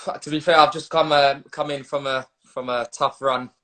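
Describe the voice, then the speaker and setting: London bloke being interviewed about his football, matey n slangy, pretty flat pitch, bit hesitant. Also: normal speed. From London, England. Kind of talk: casual interview chat. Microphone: video call.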